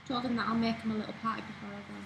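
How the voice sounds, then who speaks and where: Young woman, slightly high voice, casual teasing asides, echoey room with audible background noise. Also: flat delivery, rapid-fire, vocal fry. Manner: offhand, teasing interjections. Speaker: flight attendant, partner reading questions. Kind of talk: casual chat.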